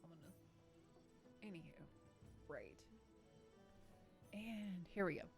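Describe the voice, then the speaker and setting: A woman's voice: on the low side, takes it slowly, music in the background. A woman serving as dungeon master on a live tabletop game stream, talking in a rambling, casual way with trailing fillers.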